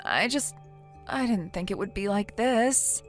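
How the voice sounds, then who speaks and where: A woman's voice: mid-range voice, expressive, a little slow, soft background music, close to an everyday voice. A synthetic female voice playing a defensive, self-pitying wife who talks in a hesitant, whiny way. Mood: anxious.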